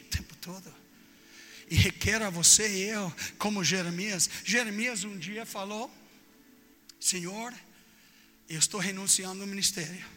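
A man preaching a sermon with fervor, dropping to low murmurs and then rising to loud shouts. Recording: echoey hall with music underneath.

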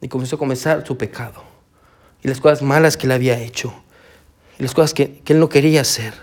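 A man's voice: medium pitch, fast talker. A pastor preaching a sermon, telling a story with animation and calling his listeners brother. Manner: animated storytelling, acts out quoted voices.

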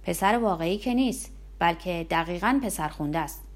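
A woman reading aloud, voicing a reflective, firm male doctor in a low voice near her own. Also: animated, natural voice. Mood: hesitant.

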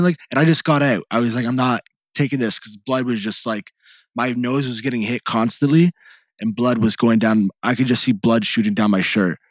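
A young man co-hosting a podcast, telling a rambling, animated story full of restarts and "like". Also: mid-range voice, no room sound. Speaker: podcast co-host. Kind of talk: casual chat, storytelling.

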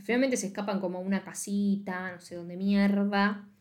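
A woman's voice: medium pitch, fairly even intonation, moderate pace, darkish tone. A young woman with a Rioplatense Spanish accent co-hosting a podcast, talking casually about a film, blunt and sarcastic, swearing freely. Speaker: podcast co-host reviewing a film. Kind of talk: casual chat.

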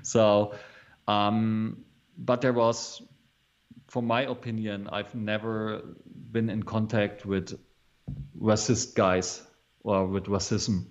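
A German-accented man in his thirties, speaking English as a second language in a relaxed guest chat. His voice sits fairly low, and he stops and repeats words as he thinks. The audio is dull and lo-fi, as if over a video call. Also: takes it slowly. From East Germany. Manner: hesitant, repeats words, chuckles often. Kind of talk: casual conversation.

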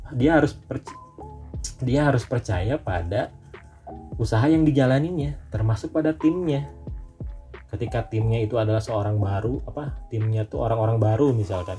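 A man teaching a class in a relaxed, conversational way, often repeating his points. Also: mid-range voice. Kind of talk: online class lesson.

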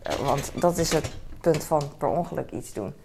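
A woman's voice: low-pitched, expressive, normal speed. A woman, chatting in a rambling way with many fillers and self-corrections while handling objects. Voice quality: very gravelly, creaky voice. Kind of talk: soft-spoken casual chat while handling objects. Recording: noisy room with clattering dishes.

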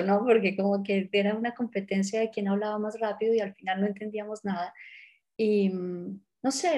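A woman's voice: mid-range voice, mellow. A middle-aged woman from Colombia being interviewed, speaking reflectively and unhurriedly with frequent hesitations and restarts. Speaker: art world interviewee.

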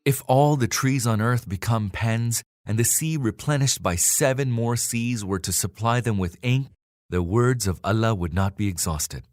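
A man reading a scripture translation aloud in a measured, solemn way. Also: medium pitch, dry recording. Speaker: scripture reader.

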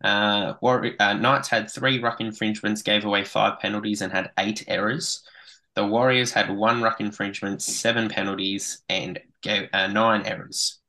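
Casting: Australian man, sports podcast stats guy, blokey and casual, crisp bright edge, slightly deep. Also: fairly even intonation, moderate pace, poor audio. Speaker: sports podcast co-host reading match statistics. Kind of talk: casual rugby league stats rundown.

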